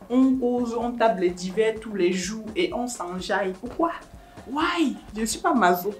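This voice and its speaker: A woman, chatting casually through viewer questions in a teasing, laughing way. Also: mid-range voice. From Cameroon. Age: 20s. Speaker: YouTuber. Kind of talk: casual vlog Q&A.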